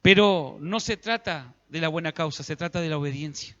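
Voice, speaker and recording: A man's voice: on the high side, normal speed, a bit bright, in a large hall, lo-fi sound. A man with an Argentine Spanish accent, preaching a sermon as pastor and acting out biblical dialogue in everyday speech. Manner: preaching, acts out biblical dialogue in colloquial voices.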